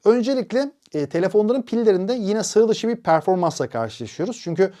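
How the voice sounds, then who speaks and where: A man's voice: sits high, expressive, fairly quick, dark tone. A man presenting a tech product review, explaining steadily with frequent hesitation fillers.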